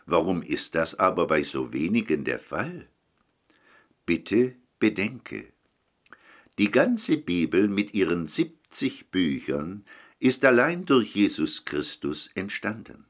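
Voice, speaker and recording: A man preaches a short telephone sermon in a very deep voice. He takes his time and his pitch rises and falls a lot. He pleads with the listener and addresses them directly. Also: big pitch swings, slow.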